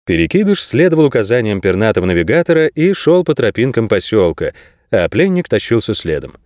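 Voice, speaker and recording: A man narrating an audiobook in a steady, expressive storytelling manner. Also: on the low side, a little fast, no room sound, clean studio sound. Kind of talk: scripted narration.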